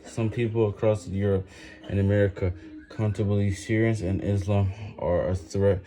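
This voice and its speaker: A man reading a book aloud while doing push-ups, halting and stumbling over words with some physical strain. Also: lowish voice, fairly even intonation, dark tone. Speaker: reader making a daily reading-while-exercising video.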